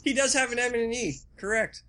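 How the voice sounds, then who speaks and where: A man co-hosting a podcast in casual chat, joking around with quick goofy asides. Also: very high-pitched, sharp tone. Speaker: podcast co-host.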